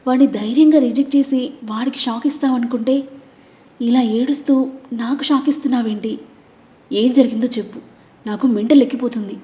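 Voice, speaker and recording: A woman's voice: fairly high pitch, dark tone, lo-fi sound, lightly acted. A woman voicing an anxious young man who pleads urgently in a scripted audio story.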